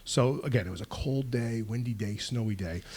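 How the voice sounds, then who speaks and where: Male podcast host, casual storytelling, animated, laughs at himself, mid-pitched voice. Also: moderate pace, slightly rough. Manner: animated, laughs at his own stories. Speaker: podcast host, police officer.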